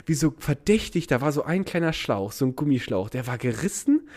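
A young man casually telling a story on a podcast, lively and laughing, acting out the people in it. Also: mid-range voice, a little fast. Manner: animated, acts out voices in anecdotes, laughs often. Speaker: podcast co-host.

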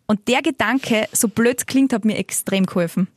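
A woman's voice: a little high, normal speed, no room sound, studio quality. Chatty woman telling a story. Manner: chatty storyteller, swears casually, animated retelling. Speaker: podcast co-host. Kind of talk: casual chat.

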